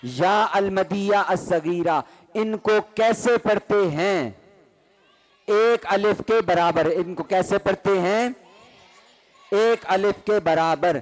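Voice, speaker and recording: A man's voice: sits high, long pauses. A man teaching a Quran recitation class, asking questions and having students repeat terms in rhythm. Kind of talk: classroom call-and-response lesson.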